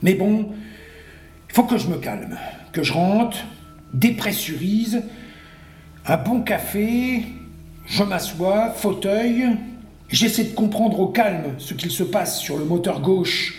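A man's voice: high-pitched, expressive, slow, pauses often, darkish tone, echoey room, soft background music. A man playing a grumpy loner living on the moon, in a sweary, mock-serious comic monologue. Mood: exasperated.

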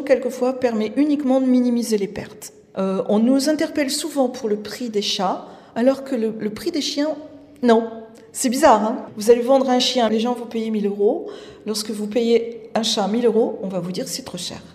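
A woman's voice: on the high side, warm tone. Matter-of-fact woman, reverberant hall. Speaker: cat breeder. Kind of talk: interview answers.

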